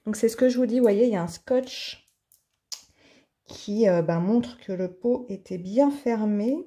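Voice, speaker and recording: A woman hosts an art tutorial from her home office, chatting casually and thinking aloud with lots of fillers as she demonstrates. Her medium-pitched voice is warm and unhurried.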